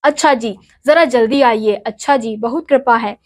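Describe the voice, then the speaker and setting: A woman's voice: a little high, normal speed, close to an everyday voice. A woman voicing a worried middle-aged father answering a doctor politely and hurriedly on the phone. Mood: fretful.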